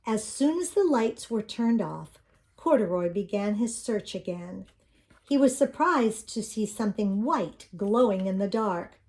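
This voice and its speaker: A woman's voice: medium pitch, expressive, unhurried, a little mellow. An older woman reading a children's picture book aloud in a sweet, grandmotherly storytelling manner.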